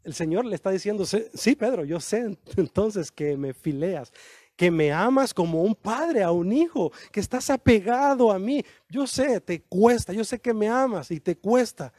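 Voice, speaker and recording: A man preaching an animated sermon, acting out quoted dialogue with slow, emphatic lines. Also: sits high, no room sound.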